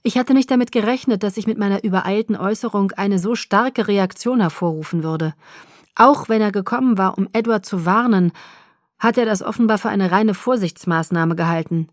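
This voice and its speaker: A woman's voice: mid-range voice, fairly quick, dry recording, studio quality. Woman reading a first-person audiobook. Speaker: audiobook narrator.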